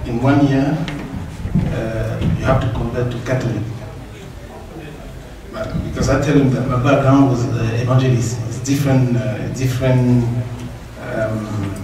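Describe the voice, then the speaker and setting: A middle-aged man from Cameroon, seated at a table in a mosque hall, telling his personal story with many pauses and fillers. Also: medium pitch, flat delivery, a crowd in the background. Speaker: guest speaker. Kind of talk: personal testimony talk. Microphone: table mic on a stand, far camera. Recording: echoey hall, distant mic, noisy.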